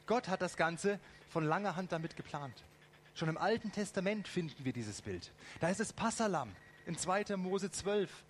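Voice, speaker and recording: A man preaching a lively sermon, asking the congregation direct questions and adding ironic asides. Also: high-pitched, moderate pace, a little hiss or hum.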